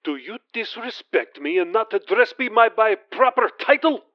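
A man's voice: high-pitched, expressive, takes it slowly, dry recording, lo-fi sound, pitched above the performer's own voice. A man voicing a commanding prince who speaks just above a whisper and turns cold and imperious. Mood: menacing. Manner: hushed then cold and imperious.

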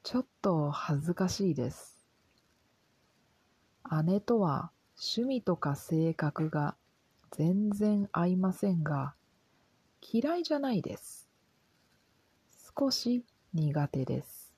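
Slow, soft-spoken woman teacher. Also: fairly low pitch, breathy edge, no echo, low-quality recording. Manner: calm, gentle, carefully paced reading. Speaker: Japanese language teacher. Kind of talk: slow, clear lesson reading for learners.

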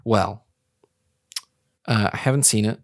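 A man co-hosting a casual podcast with a mid-range voice. He pokes fun at his co-host with deadpan sarcasm. The sound is close and dry, with no reverb. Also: on the low side, takes it slowly. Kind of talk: casual chat.

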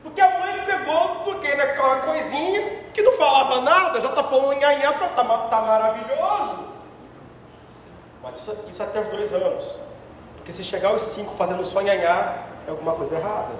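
A man preaching a sermon as a pastor, animated and mocking, swinging between shouts and soft asides. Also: extremely high pitch, brisk, a little hiss or hum. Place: church hall. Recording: echoey hall, far from mic.

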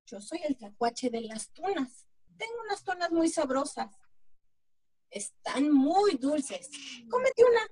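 A woman's voice: sits high, big pitch swings, slow, darkish tone, full character voice. A woman voicing a sly sweet-talking opossum. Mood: coaxing. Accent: Mexican Spanish. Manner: coaxing and sweet-talking, prone to giggling. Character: sly, quick-witted male opossum trickster. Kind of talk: amateur read-aloud folk tale acting.

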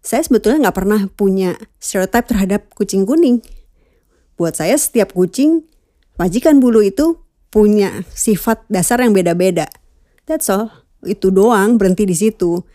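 A woman's voice: medium pitch, mellow, no echo, clean studio sound. A middle-aged woman chatting casually about the cats she keeps, musing aloud and dropping in English words. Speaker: cat owner vlogger. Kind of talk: casual chat.

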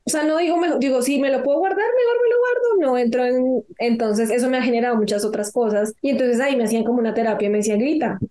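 A woman on a podcast, reflecting on herself in a relaxed, self-conscious way. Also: on the high side, rapid-fire, few pauses. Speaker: podcast co-host. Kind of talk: casual chat.

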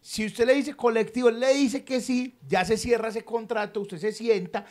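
A man's voice: very high voice, normal speed. A young man, co-hosting a casual chat and telling stories, acting out the people he quotes. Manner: storytelling, animated, acts out quoted voices. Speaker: podcast co-host.

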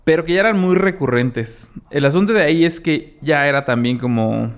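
A man's voice: fairly high pitch, moderate pace, clean tone. A young man with a Mexican accent hosting a podcast, telling a story in a casual way and acting out what people said. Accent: Mexican Spanish. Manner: animated, acts out quoted exchanges, many fillers. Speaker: podcast host.

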